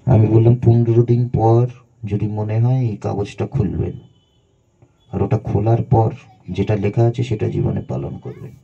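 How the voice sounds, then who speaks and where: A man's voice: fairly low pitch, fairly even intonation, measured pace, gravelly, slightly rough. A man, a spiritual guru, giving a conversational devotional satsang talk and guiding the listeners through breathing meditation, on a dull lo-fi recording.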